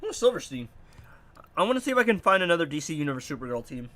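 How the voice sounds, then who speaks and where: Talking very fast at a fairly high pitch, the nasal, congested young YouTuber rambles through his own gameplay, casual, animated and puzzled.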